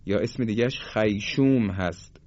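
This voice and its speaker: A man teaching a recorded lesson on Quranic tajweed pronunciation. He speaks formally and politely and slows down to demonstrate letter sounds. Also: on the low side, a little mellow, no echo. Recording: dry, dull lo-fi sound.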